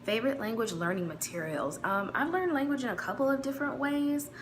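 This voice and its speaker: This vlogger is a Midwestern American woman from the United States, talking to camera in a relaxed, chatty way full of fillers. She speaks briskly in a fairly high pitch over background noise.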